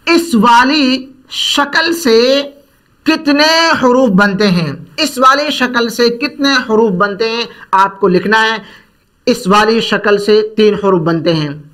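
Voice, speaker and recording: A man's voice: sits high, bright, forceful tone. A man teaching Quran reading in a patient online lesson, asking questions and repeating letter sounds for the learner. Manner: stretches out Arabic letter sounds slowly.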